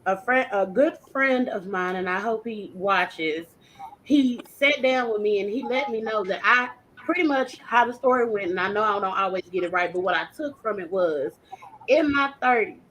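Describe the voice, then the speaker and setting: A woman in her early thirties hosting a casual panel chat, animated and laughing often. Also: mid-range voice, a little hiss or hum, poor audio. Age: 30s. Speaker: host.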